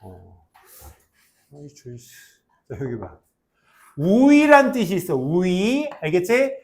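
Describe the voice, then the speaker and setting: Lively, high-pitched Korean-style classroom teacher. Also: male voice, slow, slight background noise. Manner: animated, jokey, teasing students between grammar points. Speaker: English teacher. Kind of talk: classroom lecture with banter.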